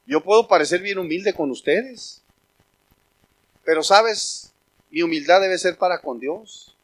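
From the pulpit, a male pastor delivers an emphatic sermon at a measured pace, calling out to the congregation as his brothers. His voice is pitched high for a man.

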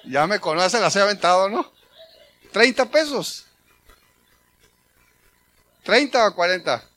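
A man's voice: high-pitched, takes it slowly, slight background noise. A middle-aged man with a Mexican Spanish accent giving a sermon testimony, telling stories and quoting conversations in a chatty way. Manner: conversational storytelling, animated quoting. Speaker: preacher.

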